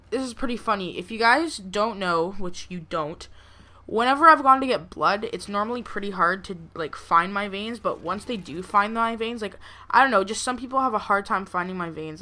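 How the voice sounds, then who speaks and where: A woman's voice: medium pitch, sharp tone. A young woman telling a personal story in a casual, rambling way, peppered with filler words like "like" and "you know". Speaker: gameplay video creator. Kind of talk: casual storytelling over gameplay.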